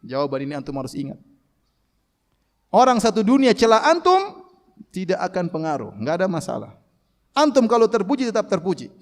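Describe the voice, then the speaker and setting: Male preacher, high-pitched, animated sermon, lecture hall with long reverb. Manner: animated, mimics shouting callers with raised voice; recites Arabic verses slowly. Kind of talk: Quranic commentary lecture.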